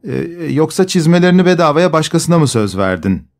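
A pushy young coachman with a raised, eager voice, as a male narrator puts him on. He wheedles and stalls on a hesitant "e" sound before almost every plea. Soft music plays faintly behind this storybook reading. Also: a little high, very animated, a little fast, voice pushed up. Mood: wheedling. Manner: nudging, starts lines with hesitant "e".

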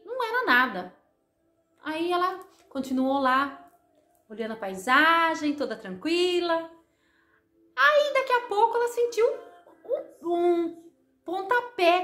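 A woman telling a simple spoken story in a gentle, casual way, often pausing and repeating herself. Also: very high-pitched. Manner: gentle, repetitive storytelling with many hesitations. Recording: echoey room with faint music.

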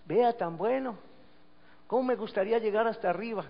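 A greedy little climbing vine that sweet-talks its way up, in a lilting voice pitched a touch high, as a preacher puts it on. It is told as a pulpit story, and the lo-fi recording rings with a long hall echo. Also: male voice, moderate pace, vocal fry. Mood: eager. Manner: wheedling, asks for more and more.

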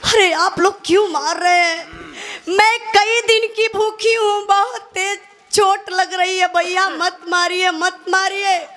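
A woman's voice: high-pitched, a little slow, a bit bright. A woman voicing a desperate young widowed mother who pleads in stammering repetitions. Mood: pleading.

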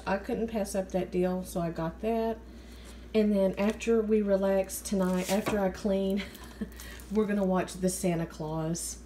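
A woman's voice: mid-range voice, mellow. Chatty American woman over noticeable room noise. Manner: chatty, informal. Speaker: vlogger. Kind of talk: casual haul narration. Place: home kitchen, indoors. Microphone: handheld phone. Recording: clear background room noise.

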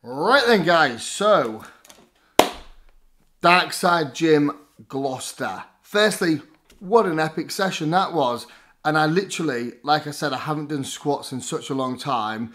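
A man's voice: a little high, animated, a little slow, a bit bright. A man in his thirties from England, a fitness vlogger talking casually and enthusiastically to camera from his living room, with frequent fillers. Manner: enthusiastic, chatty, lots of fillers like "like" and "basically". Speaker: fitness vlogger reviewing gyms. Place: living room at home, indoors.

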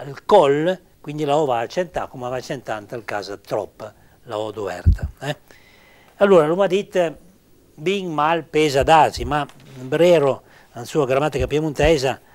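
A man giving an informal grammar lesson, halting and searching for words, repeating terms slowly as he explains. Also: a little high, a little mellow. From Argentina. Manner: slow, deliberate, repeating words. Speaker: language teacher.

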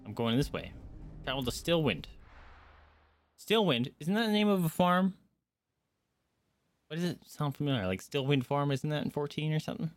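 A streamer with a slightly high voice and lively intonation comments casually on a video game at a moderate pace, pausing often. He mutters to himself while reading on-screen text aloud, with game music behind him and no echo.

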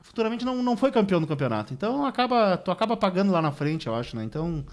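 Rapid-fire high-voiced man. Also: very animated. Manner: rapid opinionated talk, piling up clauses. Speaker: radio sports commentator. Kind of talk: casual studio discussion. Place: radio studio.

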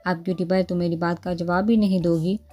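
A woman's voice: on the low side, steady tone, brisk, warm tone, soft background music, lightly acted. A woman reading the lines of a teasing, cajoling young groom in a storybook dialogue.

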